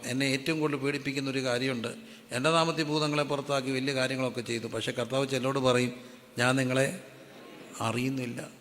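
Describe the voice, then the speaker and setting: A man's voice: medium pitch, a bit bright. A man preaching a sermon as pastor, asking the congregation to repeat verses back to him. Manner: call-and-response preaching, asks the congregation to repeat verses aloud. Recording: echoey hall with faint ambient noise.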